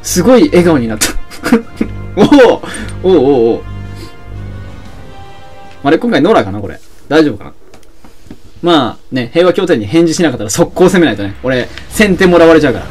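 Young male game commentator, lively and excitable, voice a bit high, music faintly underneath. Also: moderate pace, pauses often. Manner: excitable, shouts and laughs at the action. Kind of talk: excited let's-play commentary.

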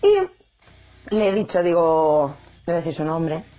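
A woman's voice: deep voice, measured pace. Young woman, jokey vlogger chat, dull-ish audio, faint music under it. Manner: chatty, jokey, animated, acts out quoted voices. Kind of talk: casual chat to camera.

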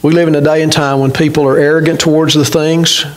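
A man's voice: fairly high pitch, little pitch movement, fast talker, rough recording. A middle-aged man preaching a sermon from a church pulpit, earnestly putting questions to his congregation. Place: church sanctuary, indoors, at a pulpit.

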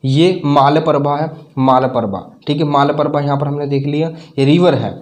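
A man from North India teaching a map lesson, halting over names and asking and answering his own questions. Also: fairly high pitch, steady tone, darkish tone. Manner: halting, repeats names, asks and answers himself.

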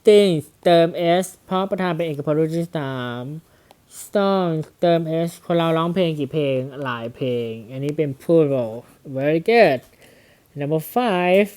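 A man teaching an English grammar lesson, reading example sentences slowly and explaining them with questions to the students. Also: on the high side, a little mellow, smooth.

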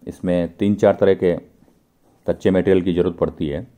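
A man's voice: low-pitched, fairly even intonation, normal speed, warm tone. A man hosting his own channel, talking viewers through a pipe-making factory as he films it. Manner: explanatory, addresses viewers directly. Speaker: channel host. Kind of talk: factory walkthrough vlog. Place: indoor pipe factory workshop.

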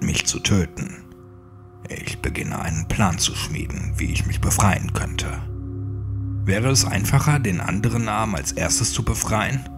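Man narrating a horror audiobook, low gravelly voice, lively, soft music underneath. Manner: low, tense, dramatic. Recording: soft music bed behind.

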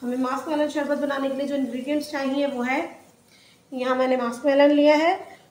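A woman's voice: high voice, fairly even intonation, brisk, a little mellow, reverberant. A woman hosting a cooking channel, chatting her way step by step through a home recipe. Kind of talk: casual recipe voice-over. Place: home kitchen.

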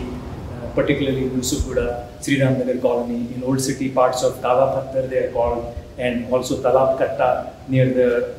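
A middle-aged professor from Hyderabad, India, delivers a formal guest lecture at a podium in a large hall with a banner behind him. His mid-range voice is warm and his Indian English is halting, full of "uh" fillers and restarted phrases. The podium mic is filmed from a distance, so the hall sounds very echoey with faint noise.

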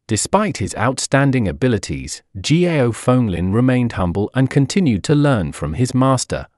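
A man reading scripted documentary narration in a steady voice-over. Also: medium pitch, no echo, clean studio sound.

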